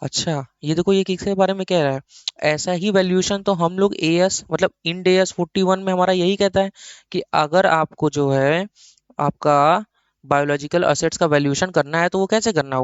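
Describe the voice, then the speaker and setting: A man's voice: high-pitched, clean tone, dry recording, lo-fi sound. Indian male teacher lecturing in a dry room. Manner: explains by asking himself questions and answering; mixes English terms into Hindi speech. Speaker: accounting teacher. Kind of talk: classroom lecture.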